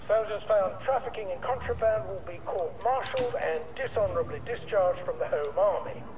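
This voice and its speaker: An actor playing a stiff military base announcer, heard over a loudspeaker with a formal, clipped delivery. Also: male voice, sits high, a little fast, noisy background. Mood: announcing.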